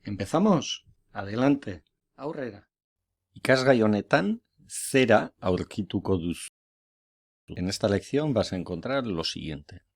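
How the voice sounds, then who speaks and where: A man's voice: on the low side, lively intonation, unhurried. A man teaching a language lesson, patiently repeating each phrase twice and encouraging learners to say it with him. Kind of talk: slow, deliberate language lesson.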